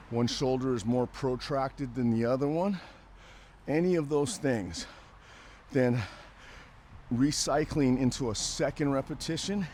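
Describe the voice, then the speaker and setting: An older man calmly explaining an exercise while he demonstrates it, talking through the movement step by step. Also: medium pitch, slight background noise. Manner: calm, explanatory, thinks aloud between movements. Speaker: fitness coach.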